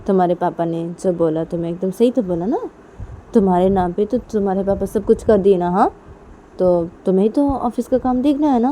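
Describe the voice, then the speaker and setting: A woman's voice: mid-range voice, dark tone, a little hiss or hum, voice pushed up, natural voice. A woman voicing a middle-aged mother who lectures her daughter firmly, ending her lines with tag questions.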